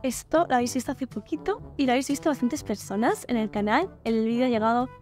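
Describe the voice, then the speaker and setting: High-voiced chatty woman. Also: fast, loud music behind the voice. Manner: chatty and gushing, with playful slang. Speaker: beauty vlogger. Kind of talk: casual product review vlog.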